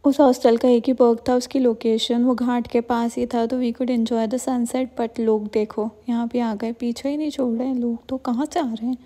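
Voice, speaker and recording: A woman's voice: on the high side, level tone, normal speed, few pauses, dark tone. A young woman narrating a travel vlog in voice-over, telling the story in a dry, wry way. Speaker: vlogger.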